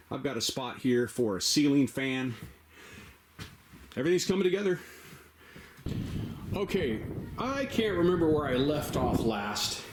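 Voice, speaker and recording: A middle-aged man chatting casually to camera about his DIY project. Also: medium pitch. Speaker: DIY vlogger. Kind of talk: casual build vlog talk. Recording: background noise.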